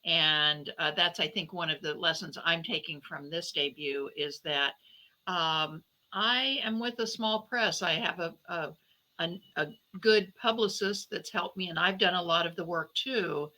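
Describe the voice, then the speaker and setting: A novelist and podcaster, appearing as an interview guest, talks conversationally and reflectively, feeling her way through phrases and correcting herself. Her fairly low voice has a sharp tone and a slightly slow pace, and the recording quality is low.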